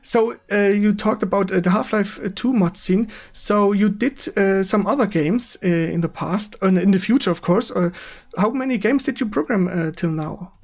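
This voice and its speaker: In English with a German accent, a high-pitched man hosts a casual interview on his retro gaming stream. He speaks haltingly, repeating words with effusive enthusiasm.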